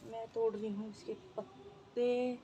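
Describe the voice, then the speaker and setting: A woman's voice: a little high, level tone, measured pace, mellow, highs cut off, a little hiss or hum. A woman with a sore throat, chatting through a casual daily-life vlog on a rooftop. She repeats herself and keeps turning to her viewers. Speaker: vlogger. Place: rooftop, outdoors.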